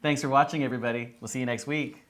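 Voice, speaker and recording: A man's voice: mid-range voice, fairly even intonation, racing, background noise. A man co-hosting a casual news chat show, playful and giggly in his banter. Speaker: co-host.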